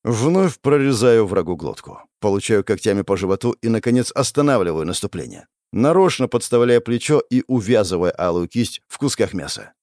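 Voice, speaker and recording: A man narrating a fantasy action audiobook in first person, intense and dramatic, breaking into shouted exclamations. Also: lowish voice, expressive, brisk, hardly any pauses, no room sound, clean studio sound.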